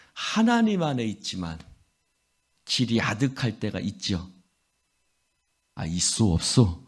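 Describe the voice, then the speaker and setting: A man preaching at an early-morning prayer service with a lively, swinging pitch. He slips into voices and quizzes the congregation as he goes. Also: husky. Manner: lively, acts out voices and asks the congregation questions. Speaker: pastor.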